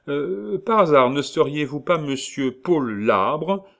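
A man's voice: on the high side, lively intonation, takes it slowly, vocal fry, fairly bright tone, voice pushed up, heavily acted. Man playing a startled stranger, raised voice, apologetic, storybook reading. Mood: surprised. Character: hurried man on a dark stair.

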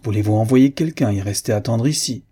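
A man reading aloud who voices a suave, mocking gentleman, curt but courteous. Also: lowish voice, brisk, husky. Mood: cool, cutting. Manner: cutting yet courteous.

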